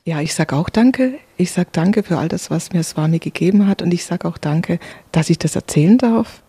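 A mellow, soft-edged voice tells of faith and inner experience in a calm, earnest way. The words come haltingly, with restarts and repeats. The recording is dry and close. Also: medium pitch, breathy edge, dry recording. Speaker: interviewee sharing spiritual experiences. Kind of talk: reflective personal testimony.

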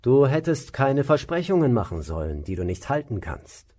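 A man's voice: mid-range voice, big pitch swings, normal speed. Man doing a stern, scolding old sage. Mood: scornful. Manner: sharp, scolding and commanding.

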